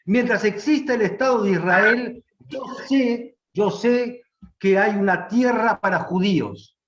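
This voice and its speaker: A man speaking Argentine Spanish, giving a measured, reflective answer at a public talk, pausing and restating his phrases. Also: high-pitched. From Romania, raised in Argentina. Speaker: guest philosopher. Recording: echoey, dull lo-fi room sound.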